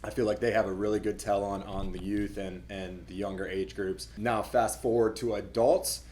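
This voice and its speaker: A man's voice: fairly low pitch, level tone, moderate pace, darkish tone, a little hiss or hum. A young adult man, a dentist, explaining things casually to camera in a conversational way, often repeating words as he goes.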